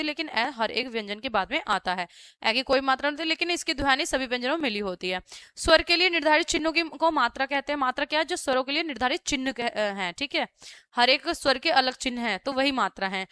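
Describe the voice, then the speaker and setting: A young woman teaches a children's grammar lesson, patient and methodical, walking through each example in turn. Her voice sits high and bright. The recording is close and dry, with no room sound. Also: clear, resonant tone, dry recording. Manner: patient, explains step by step, often says "theek hai".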